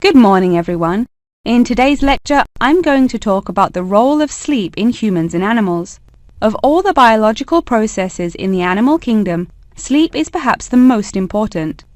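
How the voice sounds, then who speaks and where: A woman playing a composed lecturer, giving a formal scripted academic lecture with clear phrasing. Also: fairly high pitch, a little mellow, no echo, close to an everyday voice. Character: female lecturer addressing students, informative and composed. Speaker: lecturer in a listening test.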